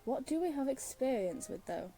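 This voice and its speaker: A game streamer plays through a video game with casual, wry commentary and muttered asides. Her voice sits high and sounds animated, moving at a moderate pace, with faint game music behind her.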